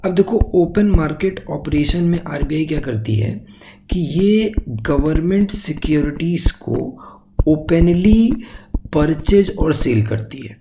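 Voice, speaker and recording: A man's voice: fairly high pitch, lively intonation, slow pace, dark tone, slight background noise, rough recording. A male exam-prep teacher giving an explanatory lecture, walking through each step and asking then answering his own questions, with English terms mixed into his talk. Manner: mixes English terms into Hindi.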